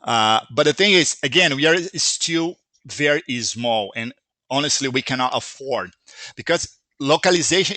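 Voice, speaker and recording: With a sharp tone and a mid-range voice, recorded without echo, a Brazilian man whose native language is Portuguese explains things in a live Q&A. As founder of a software company, he earnestly answers user questions at length, frequently starting his sentences over.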